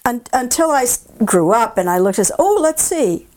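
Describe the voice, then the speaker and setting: A woman's voice: on the high side, very animated, normal speed, darkish tone, dry recording, rough recording. A woman hosting an interview programme, speaking in articulate, carefully phrased sentences. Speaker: radio interview host. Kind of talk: scripted introduction and conversational interviewing.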